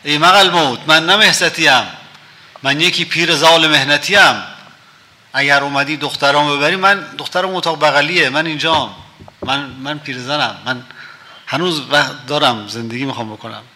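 Brief: man doing a scared old woman begging for her life, slow and pleading, fairly high and bright.

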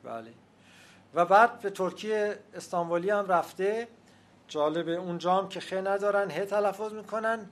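A man giving an academic lecture, speaking in a measured, explanatory way and pausing often with hesitations. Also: sits high. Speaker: lecturer on language history.

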